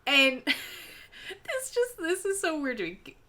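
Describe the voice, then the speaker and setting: Woman, podcast co-host, bright and lively, casual banter with quoted lines acted out. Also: sits high, slow pace. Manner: animated, swears, laughs often, acts out quotes. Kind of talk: casual book discussion.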